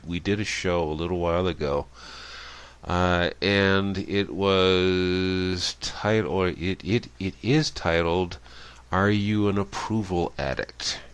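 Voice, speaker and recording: A man hosting a radio talk show, chatting with a guest and telling a joke with lively delivery. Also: deep voice, clean tone. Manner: animated storyteller, raises voice for quoted characters. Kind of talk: casual interview, telling a joke.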